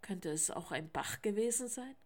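A woman's voice: medium pitch, lively intonation, moderate pace, close to an everyday voice. A woman doing a clever, bossy schoolboy. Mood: eager.

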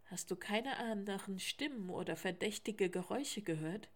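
A woman's voice: mid-range voice, moderate pace, close to an everyday voice. A woman doing a clever, bossy schoolboy. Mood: eager.

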